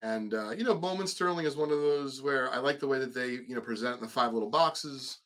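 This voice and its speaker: A man's voice: mid-range voice, fast, fairly bright tone. A man co-hosts a casual podcast, asking questions and often stopping to correct himself. His voice sits in a middle register, and his speech is loose and full of fillers. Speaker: podcast co-host. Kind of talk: casual chat.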